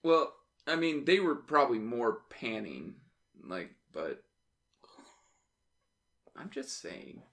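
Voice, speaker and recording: A man with a crisp, bright tone and a rough fry in his voice talks through a movie in casual banter. He jokes, curses freely and laughs a lot as he hosts. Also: medium pitch, very animated, takes it slowly, long pauses. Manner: joking, swears freely, laughs often. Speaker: podcast host. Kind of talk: casual movie review chat.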